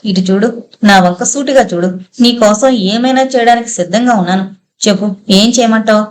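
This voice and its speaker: Woman doing a soft-spoken loving young man. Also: mid-range voice, normal speed, natural voice. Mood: tender. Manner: soft, coaxing.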